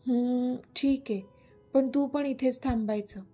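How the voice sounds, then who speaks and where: Pouting young wife, coaxing, high and mellow , read by a woman narrator in a storybook. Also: fairly even intonation, measured pace, faint music behind. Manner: coaxing, mock-cross.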